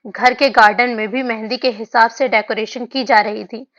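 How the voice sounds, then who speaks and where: A woman narrating a romance novel aloud in a steady storytelling manner. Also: on the high side, moderate pace. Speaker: audiobook narrator. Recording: dull lo-fi audio.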